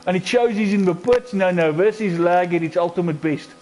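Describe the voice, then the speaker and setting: A man's voice: sits high, fairly quick, a little mellow, low-quality recording. A South African man with an Afrikaans accent, giving casual live commentary on a sim racing stream. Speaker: esports race commentator.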